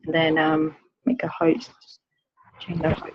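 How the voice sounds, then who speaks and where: A man with a high voice speaks in brief, practical bits while handling a video call. His audio is dull and muffled, with faint noise behind. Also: slow pace. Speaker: call admin.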